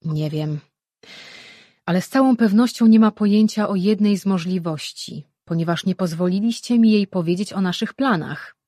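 A woman voicing an anxious, urgent male sorcerer in an audiobook, reading in a husky voice. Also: mid-range voice, moderate pace, dark tone, no echo, clean studio sound, natural voice. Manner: urgent, questioning.

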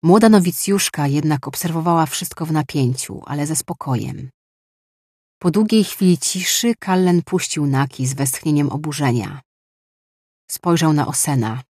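An audiobook narrator reading fiction in an even, measured way. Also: medium pitch, breathy edge, no echo, studio quality. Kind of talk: scripted narration.

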